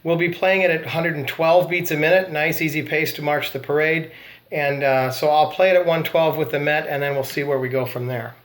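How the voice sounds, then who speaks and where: Man calmly teaching a snare part. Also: on the high side, fairly quick, slight background noise. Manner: calm, counting off and calling rudiments. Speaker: drum instructor. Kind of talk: instructional demonstration.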